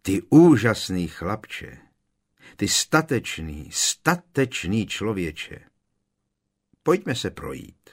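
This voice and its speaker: A man voicing a kindly old male wizard headmaster who speaks slowly and gently in an audiobook. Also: fairly low pitch, sing-song, breathy edge. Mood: warm. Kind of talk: audiobook character voice.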